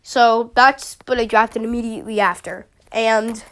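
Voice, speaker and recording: A young YouTuber with a sniffly summer cold chats about the picks for her draft league team, rambling and using many fillers. Her fairly high voice is clear, resonant, and fairly bright, with a steady tone and an unhurried pace.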